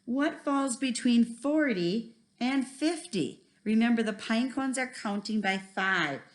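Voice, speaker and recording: A woman's voice: a little high, expressive, takes it slowly. A woman teaching a first grade lesson, talking simply and encouragingly to children like a kids show host. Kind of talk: instructional math video lesson for young children.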